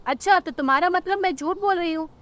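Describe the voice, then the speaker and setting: A cranky old mother-in-law bird from a cartoon storybook, put on by a woman, very high and piping. She nags, scolds and grumbles with a sharp tongue. A faint hiss sits under her voice. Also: fast talker. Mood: scolding.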